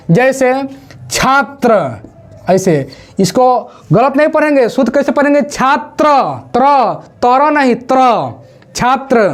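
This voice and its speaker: A woman teaching Hindi grammar for exams, asking questions and drilling the pronunciation of each word slowly. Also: high voice. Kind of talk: exam-prep classroom lesson. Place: classroom with a board.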